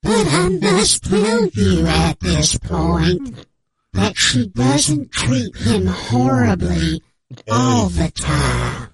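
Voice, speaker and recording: A man playing an anonymous male informant whose voice is disguised, speaking in a slow, solemn, mock-dramatic way on a comic sports radio bit. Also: high-pitched, wildly swooping pitch, full character voice, low-quality recording. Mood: grave, mock-secretive.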